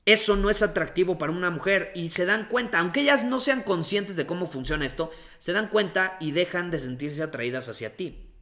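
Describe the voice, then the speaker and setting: A young man coaches his listener in a bright, somewhat high voice. He talks with emphasis, slows down to stress his points and repeats the key phrases. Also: animated. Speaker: coach giving dating and confidence advice. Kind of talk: motivational talk to camera.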